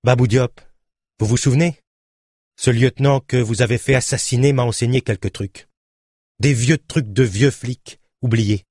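A man's voice: medium pitch, steady tone, normal speed, a little mellow, dry recording, clean studio sound, pitched above the performer's own voice, lightly acted. A man voicing a defiant, accusing bedridden woman who speaks in a cutting way.

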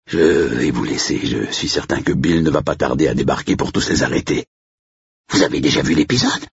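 Picture a rough-edged country caretaker with a very deep, gravelly voice that lurches up and down as he talks, as a male narrator puts him on. He is blunt and slangy, full of crude threats and sudden cheer. The sound is dull and dry, like a lo-fi recording. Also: fairly quick, dry recording, exaggerated voice. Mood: affable. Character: gruff rural male estate caretaker, jumpy then jovial.

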